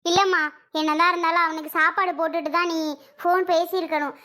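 In a family comedy skit, a performer with a very high, bright voice plays a fretting middle-aged mother-in-law who alternates between pleading and scolding. The delivery is quick with little pitch movement.

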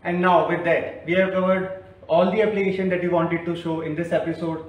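A man's voice: sits high, steady tone, a little fast. A man with an Indian English accent hosting a demo on a construction site, asking guiding questions and summing up. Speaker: show host. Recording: echoey site from a distance.

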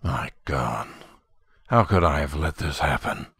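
A man voicing a grim, guilt-ridden older cartoon space commander, gravelly and brooding in a solemn dramatic monologue. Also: rumbling low, animated, measured pace, a bit bright, no room sound, clean studio sound, exaggerated voice. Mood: anguished resolve. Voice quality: gravelly, raspy.

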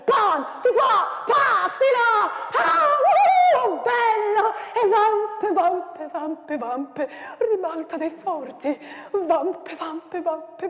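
A woman lecturing on sound poetry, then performing it aloud with shouted sound words and laughter. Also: extremely high pitch. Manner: explains softly, then recites with shouts, onomatopoeia and laughter. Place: large university lecture hall. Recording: echoey hall reverb.

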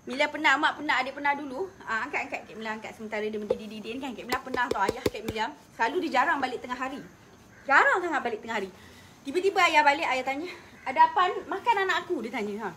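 A cooking vlogger with a Malaysian accent chats through a demo in her home kitchen, telling emotional personal stories and laughing often. She's talkative, speaking rapid-fire in a high-pitched voice over a noisy background.

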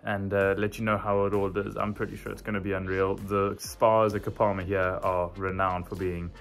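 A man's voice: low-pitched, level tone, normal speed, creaky. A man talking casually to camera as a travel vlogger on safari.

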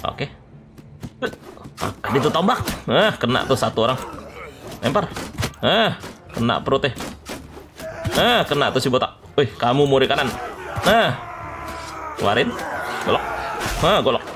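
A man giving excitable let's play commentary, shouting orders at his troops during battles. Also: mid-range voice, unhurried, pauses often, background noise. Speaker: gaming YouTuber. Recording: game music behind the voice.

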